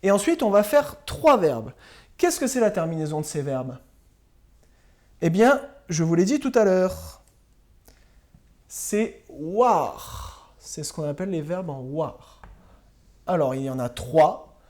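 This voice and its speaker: A woman teacher giving a slow, patient spelling and grammar lesson to young pupils, spelling words out letter by letter. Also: lowish voice, sing-song, a little mellow. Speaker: primary school teacher.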